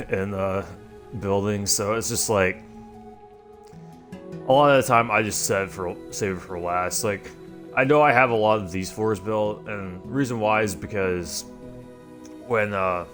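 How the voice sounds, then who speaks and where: A man with a deep, slightly nasal and stuffy voice talks his way through a casual gaming livestream. He rambles loosely, stringing thoughts together with fillers and restarts. Music plays clearly behind him. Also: measured pace, long pauses, fairly bright tone. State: stuffy from allergies. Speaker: streamer.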